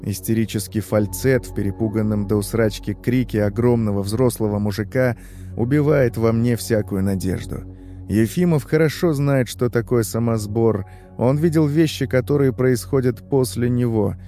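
A man narrating a first-person horror story in a tense, measured way. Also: mid-range voice, warm tone, faint music behind.

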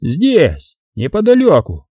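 A man voicing a hot-tempered, bald middle-aged business tycoon with a booming, gruff delivery. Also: wildly swooping pitch, takes it slowly, warm tone, no room sound, full character voice. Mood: blustering angry.

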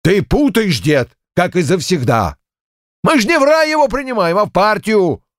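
A man's voice: high-pitched, big pitch swings, moderate pace, no room sound, clean studio sound. A man playing a stern middle-aged party secretary who gives curt commands.

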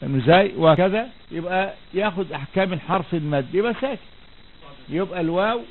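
A high-pitched man with an Egyptian accent teaches grammar to his class. He keeps asking rhetorical questions and answering them himself. The recording is thin and tinny like a phone line, with a faint hiss behind his voice. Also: animated, fast. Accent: Egyptian Arabic. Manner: asks questions and answers them himself, repeats key words. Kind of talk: classroom lesson.

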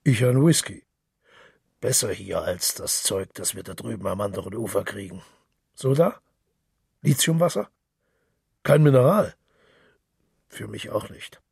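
A man voicing a boisterous, hard-drinking middle-aged male journalist, loud and boastful, with a gravelly, raspy voice. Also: on the low side, lively intonation, a little slow, pauses often, no room sound, studio quality, exaggerated voice. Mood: hearty.

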